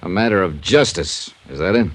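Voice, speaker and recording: On a noisy old recording of a 1950s radio drama, an American actor plays the lead: a hardboiled, sardonic insurance investigator who narrates his cases. His low male voice is expressive and moderately paced, with a clipped, wry delivery.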